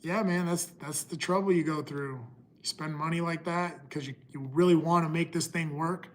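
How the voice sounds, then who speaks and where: A middle-aged man talking casually to his livestream viewers, pausing and restarting often. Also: fairly high pitch, steady tone. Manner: halting, restarts often, talks to chat. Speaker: livestream host.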